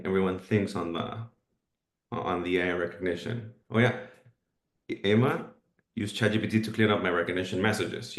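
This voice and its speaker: In a roomy-sounding space, a deep-voiced man whose native language is Spanish runs a live webinar. His delivery is sincere and explanatory, often restarting with fillers.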